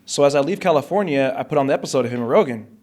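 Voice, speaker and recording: A man's voice: a little high, expressive, rapid-fire, a little mellow. A man speaking as a podcast guest, telling his story openly and bluntly, often saying "man". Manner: open and blunt, sprinkles "man". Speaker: guest, coach and public speaker. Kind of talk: candid interview storytelling.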